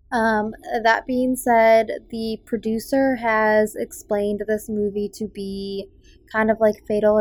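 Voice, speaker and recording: This chatty, opinionated young adult woman hosts a casual movie review podcast, peppering it with ums. She's from Massachusetts's South Shore and has a faint Boston accent. Her mid-range, slightly mellow voice is recorded with no room sound.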